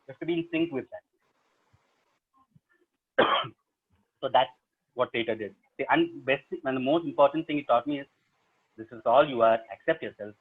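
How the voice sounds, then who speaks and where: A man's voice: medium pitch, moderate pace, long pauses, slightly rough. South Indian man, thin phone-like sound. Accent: South Indian English. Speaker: storyteller and stage performer. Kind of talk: webinar question-and-answer talk. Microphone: video call. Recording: narrow, phone-like online call audio.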